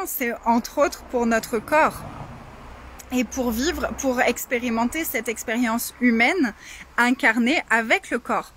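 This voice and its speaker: A woman's voice: a little high, fairly bright tone. A woman coach talking casually to followers on a livestream, her voice resounding in an echoing space. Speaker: coach hosting a live session.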